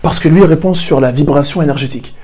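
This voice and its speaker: A man with a fairly high, dark-toned voice talks quickly as he addresses the camera on his personal growth channel, laying out ideas for the viewer and restating key points for emphasis.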